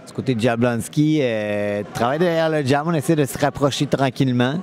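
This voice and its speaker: A man's voice: mid-range voice, brisk, a little mellow. A man with a Quebec French accent giving conversational live boxing commentary. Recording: event crowd noise behind voice. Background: crowd at boxing event.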